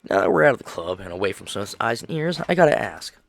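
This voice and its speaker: A man narrating a game playthrough, reading the text aloud and adding lively asides. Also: on the low side, fast, gravelly, no room sound, faint music behind. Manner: animated, reads aloud with asides. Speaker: game streamer.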